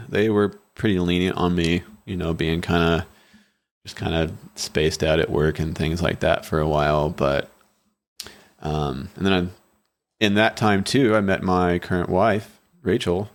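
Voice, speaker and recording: Deep-voiced man telling a candid story. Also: fairly even intonation, a little slow. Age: 30s. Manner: rambling, candid storytelling with frequent restarts. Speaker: guest, bike shop owner. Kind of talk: casual interview talk. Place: small podcast studio with brick wall. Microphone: studio mic on boom arm, headphones.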